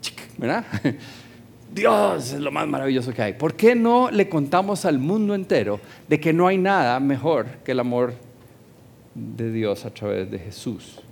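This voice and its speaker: A man's voice: mid-range voice, animated, measured pace, creaky, a little hiss or hum. A pastor preaching to his congregation in a conversational way, often asking them questions. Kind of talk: sermon. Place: church hall, also streamed.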